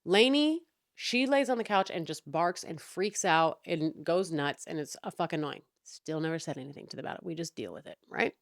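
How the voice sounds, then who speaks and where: A young woman rants through a casual story with a chatty, exasperated edge, swearing freely. Her voice sits on the low side. The recording is dry and close, with no room sound. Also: brisk, no room sound. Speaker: podcast host.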